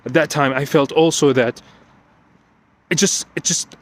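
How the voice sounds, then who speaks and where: A man's voice: on the high side, a little slow. A man telling a story while walking outdoors, out of breath, emotional and repetitive, often restarting his sentences. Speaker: vlogger recounting an exam. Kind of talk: unscripted personal vlog.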